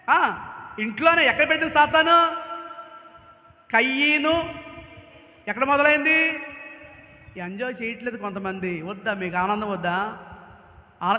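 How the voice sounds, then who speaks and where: A tired Pentecostal pastor preaching a sermon, calling his congregation to shout hallelujah and scolding them in quieter asides. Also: very high voice. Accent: Telugu-speaking Andhra. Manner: shifts between loud calls and quiet scolding asides. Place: church hall. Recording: echoey, dull church hall recording.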